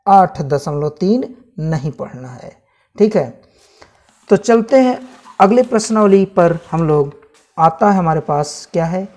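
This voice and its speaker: A man's voice: sits high, animated, a little slow, a little mellow. Man, teacher, casual syllabus walkthrough, repetitive listing, friendly address. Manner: repeats items, addresses viewers as friends.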